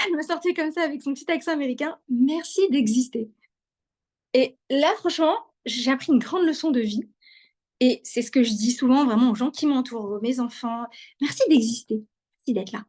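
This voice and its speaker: A high-pitched woman lecturing to a live online audience over a video call. She speaks directly to her listeners and repeats key ideas. She often hesitates and restarts a sentence. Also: a little fast. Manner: warm, repetitive, addresses listeners directly. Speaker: lecturer on wellbeing.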